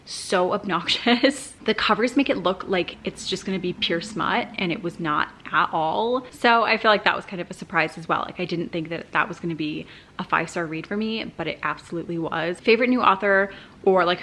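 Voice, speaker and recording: A woman's voice: medium pitch, fairly bright tone, slight background noise. A young woman chatting enthusiastically about books she has read, gushing and casual, as a book vlogger. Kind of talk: casual chat.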